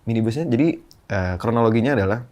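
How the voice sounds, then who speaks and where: A man's voice: mid-range voice, expressive, fast talker, a little mellow. A young man, a podcast guest, telling a candid, emotional personal story in slangy casual speech.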